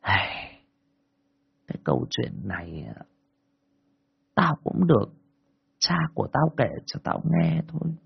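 A man voicing a grave, gruff old village woman speaking in a hushed tone. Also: fairly high pitch, big pitch swings, slow, pauses often, voice pushed up, exaggerated voice. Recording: dull lo-fi recording.

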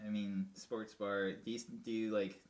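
A man's voice: lowish voice, little pitch movement, measured pace. A man hosting a casual podcast, bantering in a teasing, mock-formal way and laughing often. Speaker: podcast host. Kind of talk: casual chat.

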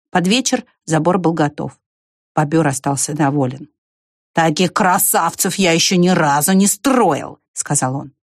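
Woman, storybook narrator, lively pitch, dry close sound. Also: no echo. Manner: expressive, lively. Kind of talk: storybook reading.

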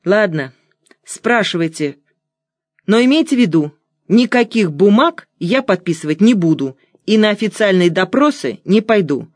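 A woman's voice: medium pitch, lively intonation, normal speed, no room sound, studio quality, voice pushed up, natural voice. A woman reading an audiobook, voicing a wary young female student with a raised, complaining tone. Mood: defensive.

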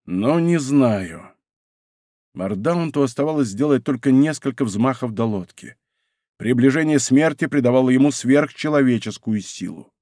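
A man reading an adventure novel aloud in measured, dramatic scripted narration. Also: mid-range voice, a little mellow, no echo, clean studio sound. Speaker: audiobook narrator.

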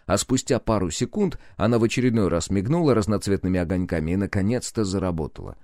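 A man narrating an audiobook in an expressive, lively reading. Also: deep voice, quick pace, no echo, clean studio sound. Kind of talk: scripted narration.

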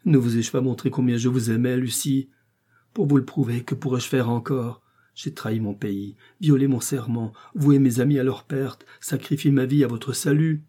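A man's voice: lowish voice, normal speed, warm tone, husky. A man voicing a young Venetian nobleman, a passionate, jealous lover, with impassioned, declamatory delivery. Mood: impassioned pleading.

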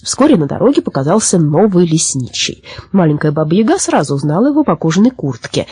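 A woman narrating a children's fairy tale in an expressive, animated storytelling manner. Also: mid-range voice, slightly rough, no room sound. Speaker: audiobook narrator.

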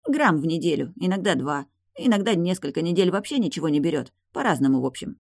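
A woman's voice: on the low side, very animated, fast, gravelly, a little mellow, no echo, clean studio sound, heavily acted. A woman reading the part of a scared but defiant male drug dealer in an audiobook. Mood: groaning. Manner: whining, defiant.

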